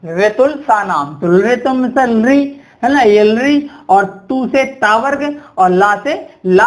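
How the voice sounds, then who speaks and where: A woman teacher, her pitch sitting in the middle of the usual range for a woman. She runs an exam-prep grammar lesson, tagging nearly every phrase with a quick "है ना" or "ठीक है". She drills each memory rule by chanting it several times in a row. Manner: keeps asking "है ना" and "ठीक है", repeats rules in a chant.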